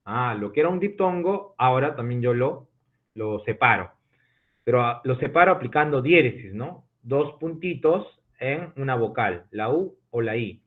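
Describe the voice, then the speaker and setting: A male literature teacher giving an online class, explaining step by step and checking understanding with quick questions. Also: a little high. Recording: tinny phone-like audio from an online call.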